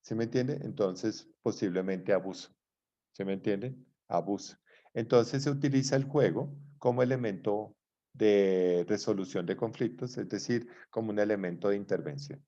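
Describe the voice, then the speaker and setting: A man's voice: lowish voice, moderate pace, mellow. A middle-aged man giving an online lecture, explaining at length and often checking that his listeners follow. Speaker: lecturer in psychology. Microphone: video call. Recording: dull video-call audio.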